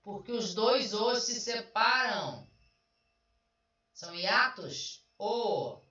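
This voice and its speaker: Lady teacher going over test answers, chatty, bright voice, far off mic, kinda muffled. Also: medium pitch, sing-song, extremely slow. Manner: chatty, explains step by step, asks and answers own questions. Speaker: Portuguese language teacher. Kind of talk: online exam review lesson. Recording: roomy, distant, dull sound.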